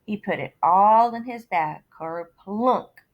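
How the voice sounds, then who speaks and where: A woman teacher reading a picture book aloud to her students, expressive with dramatic pauses and sudden shouts. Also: mid-range voice, lo-fi sound.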